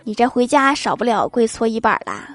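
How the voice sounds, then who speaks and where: A woman's voice: a little high, fairly quick. Chirpy woman reading jokes, lilt. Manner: lively, laughs at her own punchlines. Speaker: host of a comedy podcast. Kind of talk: reading jokes aloud with commentary.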